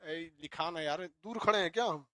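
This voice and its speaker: A male teacher lecturing a classroom, animated, asking the class questions and answering them himself. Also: a little high, moderate pace, dry recording.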